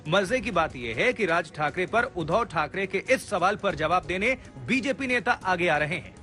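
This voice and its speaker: A man with a high, animated voice and a bright, forceful tone reads scripted TV news narration at a moderate pace, sounding emphatic and dramatic. He is a news reporter narrating a video package over a music bed.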